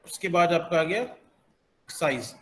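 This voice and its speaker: A man teaching English pronunciation, explaining slowly with many hesitant pauses. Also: a little high, roomy sound. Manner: slow, halting, many filler pauses. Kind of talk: explanatory classroom lesson.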